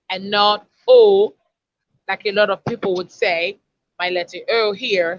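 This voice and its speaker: A woman's voice: mid-range voice, a bit bright, no room sound, lo-fi sound. A woman, a communication expert explaining and demonstrating word sounds in an online lesson over a video call. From Africa.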